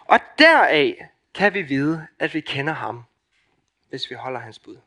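A young man with a Danish accent preaching a sermon, passionate, with loud emphatic peaks that drop to hushed, intimate lines. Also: medium pitch, big pitch swings.

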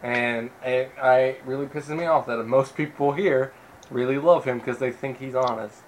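Brief: male podcast co-host, sarcastic and blunt, mid pitch, faint background ambience. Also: steady tone, normal speed, a little hiss or hum, poor audio. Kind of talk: casual chat.

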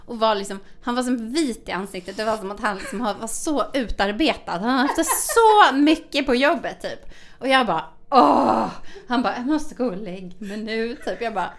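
A woman with a notably high voice tells a story on a casual podcast. She swears freely and jumps into the voices of the people in it. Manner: animated, swears a lot, acts out quoted dialogue. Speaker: podcast co-host.

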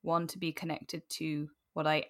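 Speaking at a moderate pace in a low voice with little pitch variation, this late-twenties British cosplayer and writer is interviewed on a podcast. She's informal and candid, frequently reenacting remarks she remembers.

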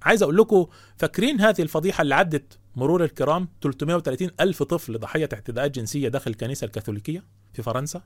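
An Egyptian man with a high voice delivers indignant religious commentary at a rapid clip. He scolds his listeners with rhetorical questions. The sound is dry and close. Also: animated, dry recording. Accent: Egyptian Arabic. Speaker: host taking calls.

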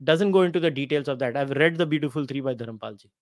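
A man with an Indian accent hosts a live commentary stream, casually reading out quotes and answering viewers in an opinionated, sardonic, emphatic way. His voice is mid-range and quick, recorded at studio quality with no room sound.

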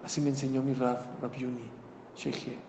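A man's voice: mid-range voice, normal speed. A man preaching a sermon, telling a story and asking the audience questions. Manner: animated, conversational, asks the audience. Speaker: rabbi preacher. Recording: echoey hall, faint noise.

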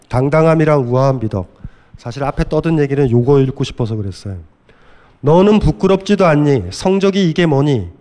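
A middle-aged man giving a lively, blunt philosophy lecture, often acting out scolding voices. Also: mid-range voice.

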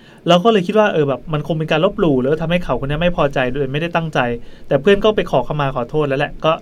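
Man, podcast host, ghost story, rapid chatty delivery, slightly high voice. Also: a little hiss or hum. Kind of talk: casual ghost-story telling. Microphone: studio mic.

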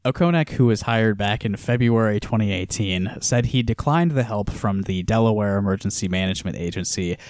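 Low-voiced man reading news casually. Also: fairly quick, hardly any pauses, a little mellow. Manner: reads news aloud with joking asides. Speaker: podcast host reading news. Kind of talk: casual chat.

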